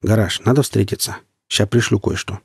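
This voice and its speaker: A man voicing a jumpy young male scavenger in an audiobook story, making quick, offhand remarks. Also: fairly low pitch, steady tone, vocal fry, breathy edge, dry recording, clean studio sound, full character voice.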